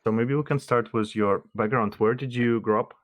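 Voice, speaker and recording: A man's voice: medium pitch, steady tone, moderate pace, no room sound. A man hosting a podcast, asking short, curious questions in a casual interview. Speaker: podcast host.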